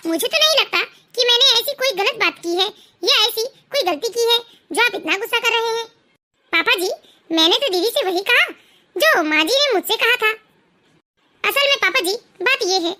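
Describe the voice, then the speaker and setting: Woman doing a calm clever young bride character, very high bright voice, polite but pointed. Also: heavily acted.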